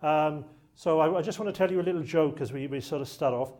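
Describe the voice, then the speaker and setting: Pitched fairly high and darkish in tone, this Welsh-accented man talks fast. Originally from South Wales, the archive lecturer keeps his public talk to a live audience in a lecture room light and jokey.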